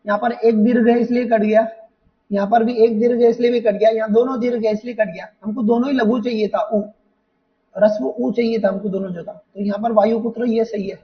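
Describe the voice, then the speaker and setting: Guy teacher w a high voice going over exam answers, repeats stuff a lot, kinda far from the mic. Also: fairly even intonation, fairly quick. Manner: repetitive explaining, rhetorical questions to students. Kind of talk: exam paper walkthrough lesson. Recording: dull sound, voice from off the mic.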